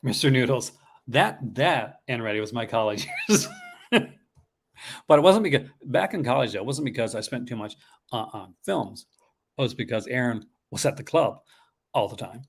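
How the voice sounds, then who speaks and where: A man with a Newfoundland Canadian accent hosting a casual horror collecting chat in an excitable, rambling, chuckle-prone way. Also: mid-range voice, normal speed, vocal fry, slightly rough. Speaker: horror movie collecting channel host.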